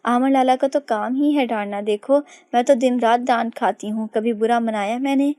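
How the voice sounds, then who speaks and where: A woman voicing a lively, outspoken young woman who speaks her mind and teases in a story reading. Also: fairly high pitch, normal speed, dry recording, studio quality, lightly acted. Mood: soothing. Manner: outspoken, teasing.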